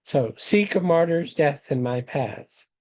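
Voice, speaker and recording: A man presenting a webinar, reading scripture passages aloud in a measured, deliberate way and explaining them. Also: a little high, lively intonation, darkish tone, rough recording. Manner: measured, reads quotations slowly and deliberately.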